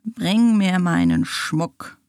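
A woman voicing a menacing dead old woman risen from her coffin, speaking slowly and eerily, half-whispered. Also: lowish voice, huge pitch swings, darkish tone, no echo, studio quality, full character voice. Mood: threatening.

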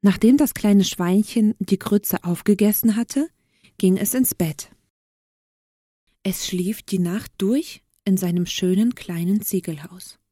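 A woman reading a children's story aloud, clear and gentle. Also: mid-range voice, slow pace, no room sound, studio quality.

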